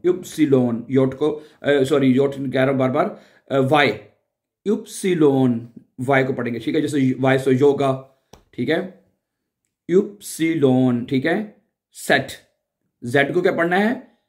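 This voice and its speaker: A man's voice: a little high, darkish tone. A man teaching a beginner German lesson, patiently repeating sounds and often checking that the learners follow.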